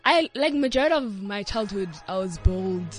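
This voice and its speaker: A young South African woman talks as a studio guest. She is bubbly and casual, with plenty of "like" and "yes". Her voice sits at a middle pitch over faint background music. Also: animated, moderate pace. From Johannesburg, South Africa. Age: young adult. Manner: bubbly, many "yes" and "like" fillers. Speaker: studio guest, student and model. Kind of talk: casual interview answers. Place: radio studio.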